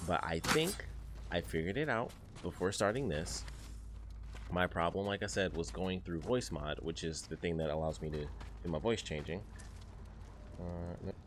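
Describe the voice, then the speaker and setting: A man's voice: sits low, normal speed, a bit bright, slight background noise. A man giving casual, chatty gameplay commentary as a streamer, with exasperated asides. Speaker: gaming streamer. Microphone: desk mic, streaming setup. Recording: game music underneath.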